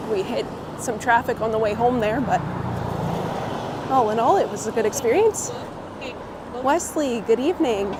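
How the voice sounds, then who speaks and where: Slightly hoarse as she gets over a cold, a woman with a voice on the high side walks outdoors and chats casually on a live stream. She laughs often and greets her viewers by name in a friendly way. The clip-on mic on her coat records the windy city street, traffic and all.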